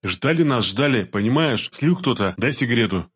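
Narrator doing a stern, tense security man, husky and terse. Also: medium pitch, expressive, moderate pace, a bit bright. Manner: terse, hard-edged.

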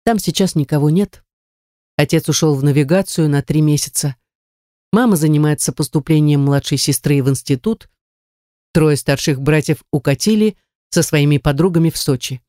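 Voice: mid-range voice, normal speed, mellow, dry recording. Brash first-person audiobook narrator, dry close sound. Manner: brash, crude, sardonic first-person telling.

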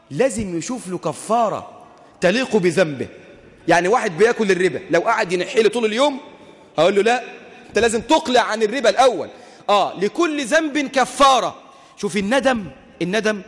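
A man with an Egyptian accent preaching a sermon with passion, firing rhetorical questions and rising to shouts. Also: high-pitched. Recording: long hall reverb.

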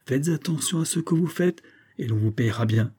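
A man voicing a smooth, scheming middle-aged army major with a coaxing, honeyed manner. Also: fairly high pitch, lively intonation, normal speed, mellow, voice pushed up. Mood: contemptuous. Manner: coaxing, honeyed, then contemptuous.

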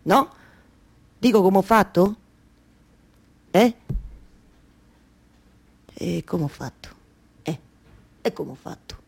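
Una donna che interpreta Penelope, moglie malinconica e chiacchierona, in un monologo teatrale con accento romano e ripetizioni insistenti. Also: female voice, medium pitch, expressive, slow, vocal fry, pauses often, slightly rough, exaggerated voice. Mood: wistful, rambling. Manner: colloquial, insistent repetition. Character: Penelope, long-waiting wife, wistful, chatty storyteller of Ulysses' journey. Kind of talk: theatrical monologue storytelling with live music.

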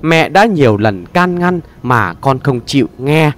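Guy doing a sharp-tongued mom scolding nonstop, lively pitch, audio story. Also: unhurried. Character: sharp-tongued middle-aged mother, scolding and blunt.

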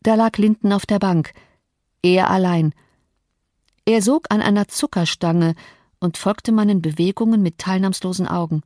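A woman narrating a classic novel as an audiobook in a measured literary reading. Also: medium pitch, mellow, no room sound, studio quality. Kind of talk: scripted narration.

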